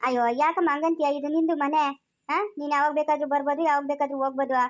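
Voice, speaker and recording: Woman voicing a mother-in-law, older, bossy, scolding, quick, high. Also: flat delivery, lightly acted. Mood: coaxing. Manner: scolding, repeated questions.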